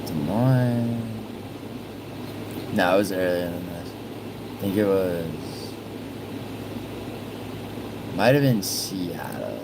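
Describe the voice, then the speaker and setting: Low-voiced, profane New livestreamer. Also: male voice, animated, very slow, pauses often, background noise. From born in Italy, raised in New York. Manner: rambling, profane, trailing off mid-sentence. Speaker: livestream host. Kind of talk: casual livestream chat, reading viewer messages.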